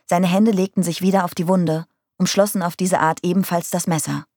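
Female audiobook narrator, low voice, dry close sound, calm and measured. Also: no room sound. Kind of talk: audiobook reading of a crime novel.

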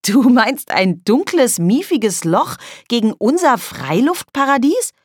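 A quick-witted, bold young girl from a children's storybook , voiced by a woman reader. She talks sharply and with spirit, lifted above the reader's low, husky tone, in a dry, close recording. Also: big pitch swings, no echo, heavily acted. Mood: defiant.

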